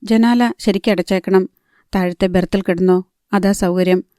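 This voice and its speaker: A woman's voice: medium pitch, steady tone, normal speed, warm tone, no room sound, studio quality, lightly acted. A woman narrator voicing an attentive young man who reassures a girl traveling with him, in an audiobook. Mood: reassuring. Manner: soothing, reassuring.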